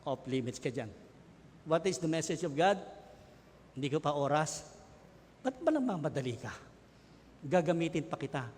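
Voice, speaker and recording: A male pastor preaching a sermon, swinging between hushed, low passages and loud cries. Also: big pitch swings, moderate pace, long pauses, in a large hall, a little hiss or hum. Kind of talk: Taglish sermon.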